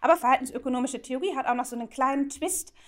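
A woman's voice: sits high, rapid-fire. A woman lecturing to students, explaining ideas step by step, asking rhetorical questions and checking in with short tag questions and fillers. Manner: many "ja?" check-ins and "ähm" fillers. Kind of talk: university lecture.

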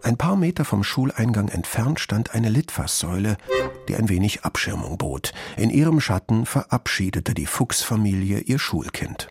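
A man narrating a children's storybook in a lively, expressive way. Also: on the low side, moderate pace, soft background music.

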